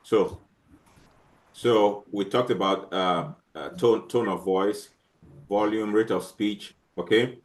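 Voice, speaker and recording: A male teacher lecturing a class, talking haltingly with many restarts and fillers and checking often that students understand. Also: fairly low pitch.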